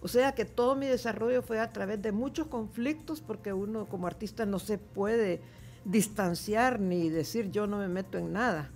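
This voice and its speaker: A woman's voice: medium pitch, normal speed, darkish tone, faint music behind. A Salvadoran woman in her seventies, a guest artist chatting candidly in a radio studio interview. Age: 70s. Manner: candid, chatty, laughs easily. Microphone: studio microphone with headphones.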